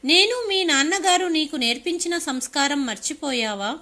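A woman's voice: high voice, animated, moderate pace, bright, forceful tone, full character voice. A woman voicing a stern old mother who reproaches her grown daughter at length. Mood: reproachful.

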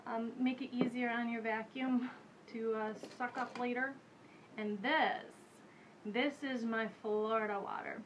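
A woman in her thirties hosts a home witchcraft show, giving a casual how-to demonstration in her kitchen. Picked up by a camera mic at medium distance, her mid-range voice comes through a rough recording with a little hiss or hum. She is chatty and relaxed, thinking aloud with many fillers.

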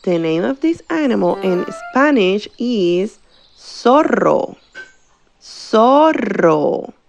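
A woman's voice: mid-range voice, gravelly, darkish tone. A woman teacher giving a bilingual vocabulary lesson for children, drawing out each word for the class to repeat. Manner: slow, drawn-out words for repetition.

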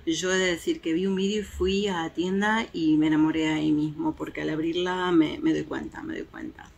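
Chatty woman reviewing makeup, gravelly voice. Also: low-pitched, steady tone, brisk. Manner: chatty, hesitant fillers, shows swatches to viewers. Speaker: beauty vlogger. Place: home terrace, outdoors in daylight.

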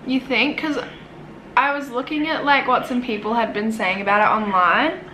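A woman's voice: fairly high pitch, steady tone, normal speed, bright, forceful tone, a little hiss or hum. A young Australian woman chatting casually in a vlog, swearing freely and giggling. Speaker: vlogger.

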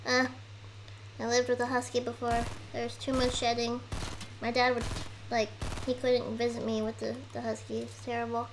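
Chatty young woman, high gravelly voice. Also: completely flat delivery, normal speed, a little hiss or hum, rough recording. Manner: chatty, rambling, eating while talking. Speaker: livestreamer. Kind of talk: casual livestream chat.

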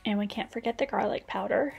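A stay-at-home mom in her thirties narrates while she cooks, chatty and practical, explaining kitchen tips as she goes in a casual voice-over. Her medium-pitched voice is gravelly and quick, with faint music behind it.

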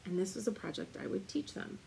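A woman's voice: mid-range voice, fairly quick, gravelly, warm tone, slight background noise, low-quality recording. A woman co-hosting a casual podcast, chatting in a digressive way with frequent asides. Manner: chatty, digressive, laughs often. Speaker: podcast co-host. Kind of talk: casual chat.

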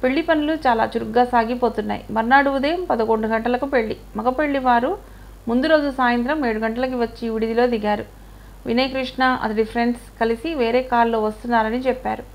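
A woman narrating an audio short story in a calm, even storytelling manner. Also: fairly high pitch, brisk.

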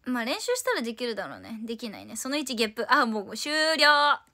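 A woman's voice: on the high side, wildly swooping pitch, rapid-fire, a bit bright, a little hiss or hum. A woman in her twenties from Tokyo, hosting a casual solo livestream and chatting playfully in answer to viewer comments. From Tokyo, Japan. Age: 20s. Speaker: idol livestream host.

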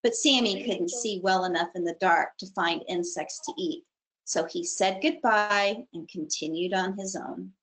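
A woman reading a children's picture book aloud for a storytime, with a lively, expressive delivery. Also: mid-range voice, a little slow, rough recording. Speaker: storytime reader.

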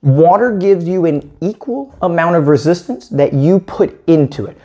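Paddling coach, man in his 30s, mellow tone, methodical demo, small room. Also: on the high side, moderate pace, faint music behind. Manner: clear, methodical explaining while demonstrating strokes. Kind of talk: instructional demonstration.

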